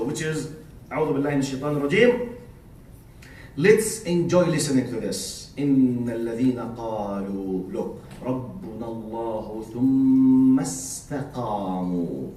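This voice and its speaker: A man with a Jordanian Arabic accent, a native Arabic speaker, gives an emphatic Islamic lecture to a live audience, punctuating it with rhetorical questions and short checking tags. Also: fairly high pitch. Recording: echoey, picked up from a distance.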